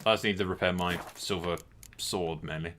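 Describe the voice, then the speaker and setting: A man's voice: sits low, steady tone, moderate pace, a bit bright, a little hiss or hum. A man giving casual, sarcastic gameplay commentary and swearing freely as he goes. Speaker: let's play host.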